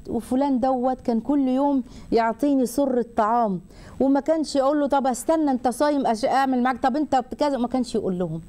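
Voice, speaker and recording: A woman with an Egyptian accent hosting a religious advice talk, animated and acting out people's words as she answers a viewer's question. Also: fairly high pitch. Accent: Egyptian Arabic. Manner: animated, acts out people's words while advising. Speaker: host and family counselor.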